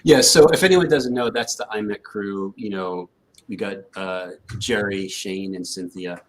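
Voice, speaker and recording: A man's voice: lowish voice, measured pace, low-quality recording. A man hosting a live stream, talking loosely and conversationally and filling his speech with "like". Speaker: host. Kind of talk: casual live-stream talk.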